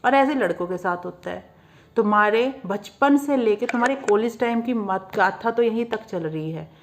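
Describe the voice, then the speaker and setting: A woman's voice: a little high, normal speed, slight background noise. A young woman from Haryana with a Haryanvi accent, talking bluntly to camera in a casual monologue and laughing at her own jabs. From Haryana, India. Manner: blunt and outspoken, mixing Hindi with English words and laughing at her own jabs. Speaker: vlogger.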